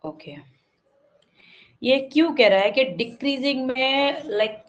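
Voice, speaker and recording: A woman with an Indian accent leads an online math lesson at a measured, unhurried pace. Her voice sits a little high for a woman, and she reads English text slowly before explaining it in Hindi with plenty of fillers. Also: animated, highs cut off. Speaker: math tutor.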